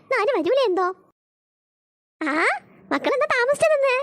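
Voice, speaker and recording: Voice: very high-pitched, very animated, normal speed, heavily acted. A voice actor playing a kindly preschool teacher who coaxes and soothes little children in a cartoon. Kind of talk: cartoon voice acting.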